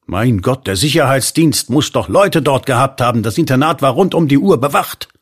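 A man reading an audiobook, voicing an agitated royal viceroy who fires off urgent, demanding questions in a husky voice. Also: on the high side, big pitch swings, moderate pace, fairly bright tone, pitched above the performer's own voice, full character voice. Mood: alarmed.

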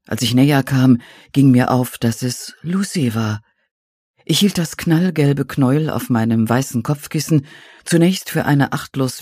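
A man narrating a novel in the first person, in a measured, suspenseful reading. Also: mid-range voice, a little mellow, breathy edge, no echo, studio quality. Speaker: audiobook narrator.

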